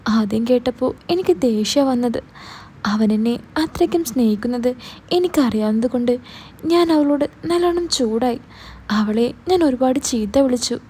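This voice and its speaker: A woman's voice: on the high side, mellow, a little hiss or hum, lightly acted. A woman voicing a heartbroken nineteen-year-old girl who tells her story through tears, in broken, pleading phrases.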